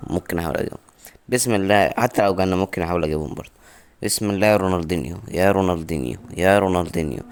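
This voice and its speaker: A man with an Egyptian Arabic accent chatting quickly over his mobile football game, muttering prayers and player names as he opens packs one after another. His voice sits fairly low and comes across smooth and clear. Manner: excited, repetitive muttering while opening packs. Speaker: mobile gaming YouTuber. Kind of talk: casual gameplay commentary.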